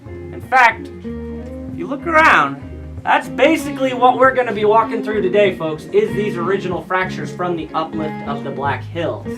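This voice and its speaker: High-voiced American man, echoing cave guide. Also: lively intonation, normal speed. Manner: folksy, addresses the group with questions. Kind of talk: guided tour talk with storytelling. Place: inside a cave with a tour group. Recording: echoey, distant, with guitar music underneath.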